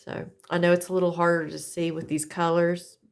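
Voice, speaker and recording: Low gravelly chatty woman. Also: flat delivery, fairly quick. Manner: chatty, self-correcting, folksy. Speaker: planner crafter demonstrating a setup. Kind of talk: casual how-to chat.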